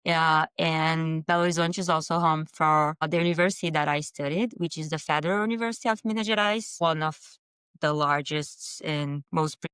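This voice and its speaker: A woman's voice: low voice, brisk, fairly bright tone, clean tone, no room sound. A woman in her thirties with a Brazilian accent, telling her story as a podcast guest in a friendly, conversational way. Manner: conversational, friendly, with fillers and small restarts. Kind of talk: casual podcast interview.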